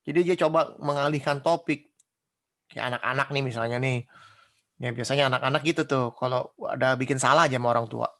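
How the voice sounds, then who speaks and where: A man delivers a casual, conversational sermon. His mid-pitched voice has a gravelly edge, and he peppers the talk with rhetorical questions and lively acted-out quotes. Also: a little fast. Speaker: preacher.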